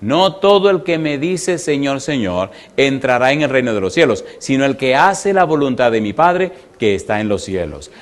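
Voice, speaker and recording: Emphatic preacher firing questions at a congregation. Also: male voice, mid-range voice, very animated. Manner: peppers the congregation with rhetorical questions; emphatic, slowing down to stress key words. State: emotional. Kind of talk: sermon.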